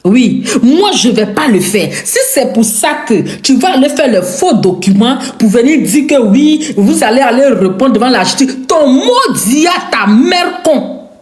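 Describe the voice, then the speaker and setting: A woman's voice: on the high side, lively intonation, moderate pace, few pauses, a little mellow. A woman with an Ivorian French accent giving a confrontational rant to camera. She repeats her lines for emphasis and throws insults. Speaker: online commentator. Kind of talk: angry direct-to-camera rant. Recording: echoey room.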